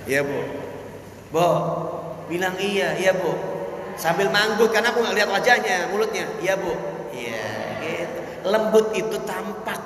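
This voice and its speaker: A man preaching a humorous mosque sermon, lively and sing-song, now and then chanting his phrases. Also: high-pitched, normal speed, crowd noise. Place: mosque hall. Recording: echoey mosque hall with long reverb.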